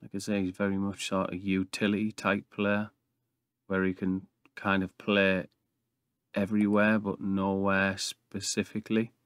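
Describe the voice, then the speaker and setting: Low-voiced, even man gaming in an attic. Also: unhurried, smooth, no room sound, clean studio sound. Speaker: YouTube gaming host. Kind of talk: casual game commentary. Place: small brick-walled attic room.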